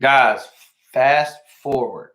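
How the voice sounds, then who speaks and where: A man announces a live giveaway in a bright, forward voice. He speaks informally, straight to his viewers, and repeats key phrases. The room around him is noticeably echoey. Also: mid-range voice, very slow. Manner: informal, addresses viewers directly, repeats himself. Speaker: livestream host.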